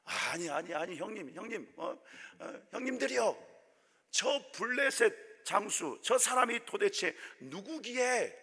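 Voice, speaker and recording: A pastor acting as an outraged young shepherd. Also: male voice, very animated, unhurried, bright, forceful tone, husky, exaggerated voice. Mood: indignant. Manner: high, agitated outburst. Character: young shepherd boy David, indignant and bold. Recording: echoey church hall.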